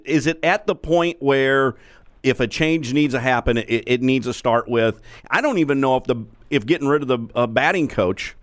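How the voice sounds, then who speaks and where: A man co-hosting a sports talk show, easygoing and agreeable, pausing often with fillers. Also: mid-range voice, clean tone, no room sound, clean studio sound. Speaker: podcast co-host.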